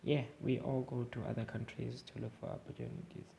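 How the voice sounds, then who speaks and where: A young man with an Eastern Cape South African accent talks through his views in a loose, meandering vlog, stopping and restarting often. His voice is gravelly and dark. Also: mid-range voice, little pitch movement, fairly quick, slight background noise. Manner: rambling, hesitant, with many fillers and restarts. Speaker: vlogger. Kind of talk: casual opinion monologue.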